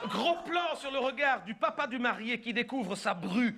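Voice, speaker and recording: A man's voice: extremely high pitch, expressive, moderate pace, vocal fry, heavy background noise. A man performing a stand-up comedy routine, telling a story and acting out the people in it with shifts of voice.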